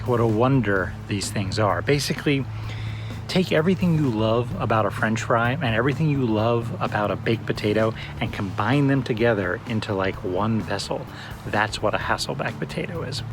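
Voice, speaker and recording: Chatty man with a low voice. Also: noisy background. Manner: relaxed and chatty, with fillers. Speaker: cooking channel host. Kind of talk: casual cooking demonstration.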